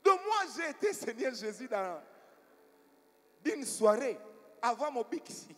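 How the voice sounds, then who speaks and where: A high-pitched male preacher, telling stories from the pulpit and drawing replies from the congregation. His voice rings through a large church hall with a long reverb tail. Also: big pitch swings, a little slow, bright, forceful tone. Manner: storytelling preacher, asks the congregation for responses. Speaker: pastor. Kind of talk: sermon.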